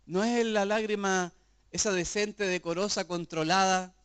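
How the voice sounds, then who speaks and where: A man's voice: high-pitched, steady tone, measured pace, a bit bright, smooth. A middle-aged man preaching a sermon in an earnest, conversational way, full of rhetorical questions. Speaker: pastor.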